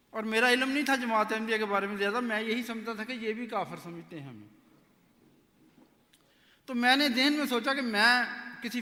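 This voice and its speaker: High, bright-voiced man telling his story. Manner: lively anecdotal storyteller who acts out dialogue. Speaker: convert telling his personal testimony. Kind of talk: personal storytelling talk. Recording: echoey hall with long reverb.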